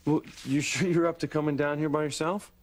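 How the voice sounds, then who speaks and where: A man's voice: fairly high pitch, fairly even intonation, brisk, lightly acted. An actor playing an attentive, affectionate son in his thirties in a soap opera, casual, hesitant and reassuring. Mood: caring, flustered. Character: attentive, affectionate grown son and protective brother. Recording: clear background noise, clicks.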